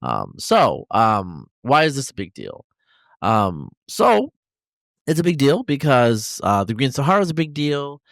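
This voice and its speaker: A man hosting a podcast, talking through a science paper in an unscripted monologue, halting with many fillers and restarts. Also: mid-range voice, wildly swooping pitch, vocal fry, dry recording. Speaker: podcast host.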